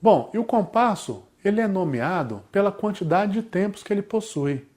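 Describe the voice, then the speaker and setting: A man's voice: high-pitched, lively intonation, moderate pace, darkish tone. A man with a Brazilian Portuguese accent teaching a music theory lesson, explaining step by step and often checking in with his students.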